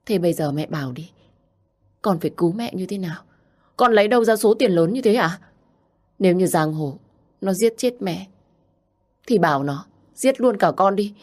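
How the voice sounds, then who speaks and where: A woman's voice: lowish voice, lively intonation, normal speed, pauses often, a little mellow, pitched above the performer's own voice. A woman voicing a worn-out young daughter who speaks in an anguished, raised voice.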